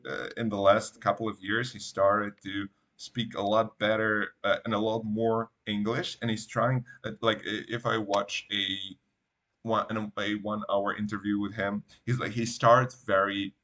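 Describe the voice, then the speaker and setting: A man's voice: on the low side, level tone, a little slow, a bit bright. A man who is a native Spanish speaker, chatting casually and hesitantly, often repeating words. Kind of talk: casual bilingual conversation.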